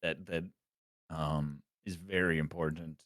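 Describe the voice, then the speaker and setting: A man with a very deep voice runs a tabletop game, explaining things loosely and full of fillers. The sound is dry and close to the mic. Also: steady tone, a little slow, a bit bright, no room sound. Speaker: game master.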